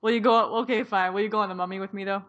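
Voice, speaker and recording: Giggly excitable young woman. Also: mid-range voice, dull audio. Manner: giggly, excitable, quick bursts of delight. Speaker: podcast co-host. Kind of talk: casual chat.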